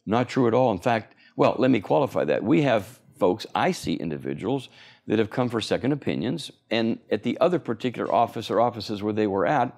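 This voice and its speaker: On a TV set, an oral surgeon in his sixties answers interview questions animatedly and a little fast, full of eagerness and frequent fillers. His fairly low voice has vocal fry and a darkish tone.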